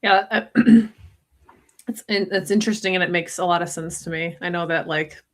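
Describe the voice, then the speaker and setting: Low-pitched woman hosting an interview. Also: normal speed. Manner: thoughtful, winding questions with restarts. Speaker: podcast host. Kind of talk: interview questions.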